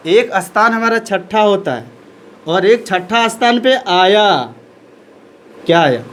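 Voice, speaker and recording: A man's voice: high voice, a little hiss or hum, low-quality recording. A man teaching a maths lesson in speech, asking questions and answering them himself.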